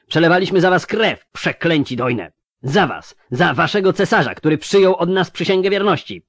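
A man putting on a furious elf soldier, screaming, very high and loud. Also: expressive, moderate pace, no room sound, clean studio sound. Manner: screaming accusations. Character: furious betrayed male elf officer.

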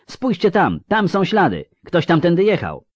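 A man voicing a cheeky, stubborn young girl in a read-aloud story, high and shrill. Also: big pitch swings, normal speed, no echo, studio quality. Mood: shouting, insistent.

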